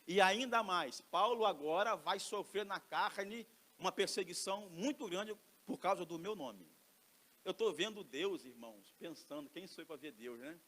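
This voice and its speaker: A Brazilian male pastor preaching a sermon, moving between loud emphatic exclamations and quiet asides, often questioning the congregation directly. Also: high voice, moderate pace.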